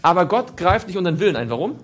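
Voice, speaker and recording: A man's voice: sits high, very animated, very fast. A man preaching a sermon, asking his listeners questions and repeating phrases for emphasis.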